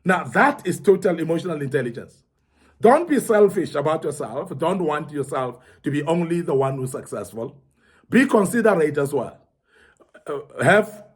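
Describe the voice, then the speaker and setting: Man, middle-aged, high-pitched voice, earnest, repetitive, motivational teaching talk. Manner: earnest, repeats for emphasis. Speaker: speaker at a young men's forum.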